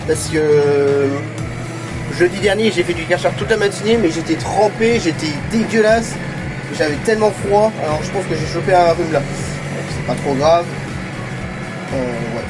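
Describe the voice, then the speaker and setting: A young man with a stuffy nose from a cold films his farm work from a tractor, offering casual running commentary full of hesitations and repeats. His voice is a little high and moves at a moderate pace, with music behind him and low-quality audio. The setting shifts between the tractor cab and the outdoor farmyard.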